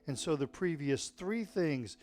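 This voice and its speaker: A man's voice: a little high, animated, a little slow, a little mellow, soft background music. A man teaching tai chi in an informal, explanatory and encouraging way, often checking in with his listeners. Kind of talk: informal spoken class instruction.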